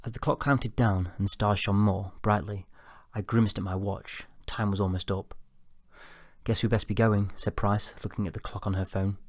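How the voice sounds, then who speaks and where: A man reading a first-person novel aloud in a calm, low-key storytelling manner. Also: moderate pace, no room sound, studio quality. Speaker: audiobook narrator. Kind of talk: first-person audiobook narration.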